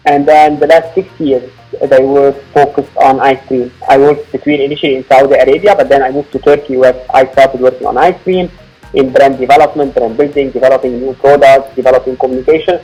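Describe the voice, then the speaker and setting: A man from Lebanon, founder of a company, explaining his product in a podcast interview with a measured, filler-laden manner. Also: medium pitch, steady tone, warm tone, husky, faint music behind, poor audio. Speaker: founder and CEO guest.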